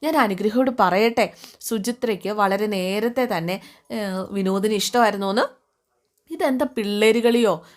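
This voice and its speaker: A woman recounting a TV serial episode in a relaxed, chatty way. She keeps turning to the listener with little asides. Her voice sits at a middle pitch. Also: moderate pace, pauses often. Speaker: serial recap narrator. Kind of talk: casual retelling of a TV serial.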